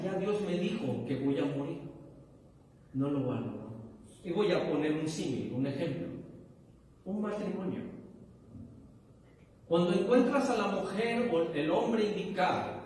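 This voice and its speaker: Pastor preaching in an echoey hall. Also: male voice, high-pitched, darkish tone, recorded from a distance, a little hiss or hum. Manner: asks the congregation questions, rising to emphatic bursts. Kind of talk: sermon. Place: church hall.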